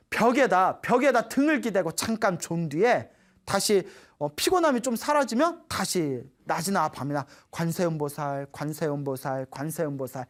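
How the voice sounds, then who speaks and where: A Buddhist nun gives a dharma talk, her voice rising and falling with expressive swings. She tells her stories in an animated way and often stops to ask her audience questions. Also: medium pitch.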